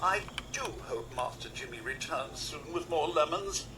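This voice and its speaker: A chipper robot lemonade seller whose looping sales call carries from across the way. The voice sits a little high and swings through lively pitch. The sound comes from afar through a noisy backdrop of game audio. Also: male voice, normal speed. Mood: cheery. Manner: upbeat sales patter. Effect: repeating sales call heard from a distance. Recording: distant in-game audio with noise.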